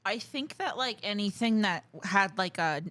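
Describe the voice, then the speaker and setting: A young adult woman co-hosting a podcast in casual chat, animated and profane, laughing often. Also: medium pitch, normal speed. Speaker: podcast co-host.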